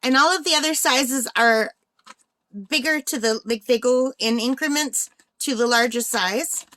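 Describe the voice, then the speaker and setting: A woman runs a craft unboxing vlog, chatting casually and thinking out loud. She sounds slightly unwell, her high, sharp voice growing tired as she speaks unhurriedly.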